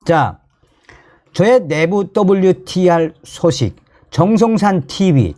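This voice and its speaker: This commentary channel host is a man from North Korea with a matching accent, speaking at medium pitch. He delivers news commentary with emphatic excitement, frequently saying phrases more than once.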